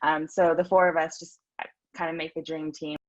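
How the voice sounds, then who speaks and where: A woman's voice: sits low, little pitch movement, moderate pace, muffled recording. A woman in her thirties from Southern California, chatting upbeat about her team with many ums. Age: 30s. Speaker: team member. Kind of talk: casual team introduction.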